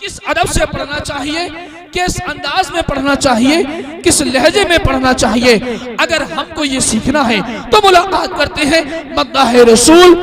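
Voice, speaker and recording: A man hosting a religious gathering, announcing speakers and chanting poetry in a drawn-out, rising style. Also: extremely high pitch. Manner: sings verses in rising, drawn-out chant and leads crowd slogans. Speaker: event emcee at religious gathering. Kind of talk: Urdu poetry recitation and stage announcing. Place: large gathering with audience. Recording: crowd audible behind.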